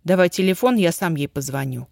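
A woman voicing a bold, boastful teenage boy who talks eagerly and excitedly. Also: fairly low pitch, brisk, vocal fry, no echo, clean studio sound. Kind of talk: audiobook character reading.

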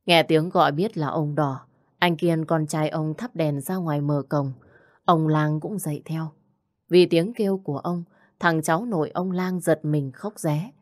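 A woman tells a scripted horror story in a steady, suspenseful way. Her voice is notably low, and the recording is dry and close. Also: a little slow, dry recording.

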